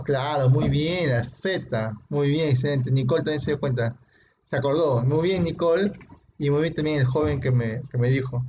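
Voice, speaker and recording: A male teacher with a high voice walks his students through phonetics, sounding out each consonant slowly and checking in with a quick question after nearly every phrase. He praises his students warmly when they answer. The recording is muffled and lo-fi, with a faint hiss and occasional clicks underneath. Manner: explains patiently and often ends phrases with "¿no?"; demonstrates sounds by repeating them slowly. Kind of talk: classroom lecture.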